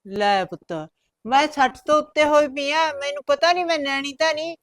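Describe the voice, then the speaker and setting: A woman plays an older mother-in-law with a Punjabi accent, motherly and probing. Her voice sits high, recorded close and dry. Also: normal speed, no echo. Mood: insistent. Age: 60s. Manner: gentle but probing, motherly. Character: caring older mother-in-law, over sixty. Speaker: actor in a short film. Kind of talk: village short-film acting.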